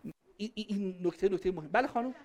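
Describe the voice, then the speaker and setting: A woman's voice: mid-range voice, darkish tone. Emphatic woman giving a religious lecture. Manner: emphatic, conversational, acting out quoted voices. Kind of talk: religious lecture on family and parenting, taking audience questions.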